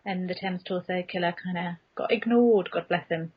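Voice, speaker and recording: A woman with a fairly low, slightly breathy voice speaks at normal speed. Guesting on a podcast, she's candid and casual, telling funny stories that make light of herself, on dull, muffled lo-fi audio.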